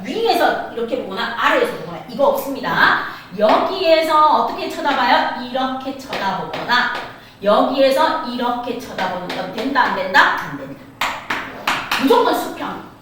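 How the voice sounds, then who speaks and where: A woman's voice: high-pitched, big pitch swings, moderate pace. A woman teaching a middle school science class, repeating key points and prompting students with singsong questions. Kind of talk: classroom lecture. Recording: echoey room, distant mic, noisy.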